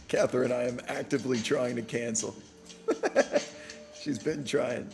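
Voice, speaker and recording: A man's voice: mid-range voice, very animated, soft background music. Profane joking New York man. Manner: joking, profane, quick banter. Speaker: host. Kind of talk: casual livestream chat answering viewers.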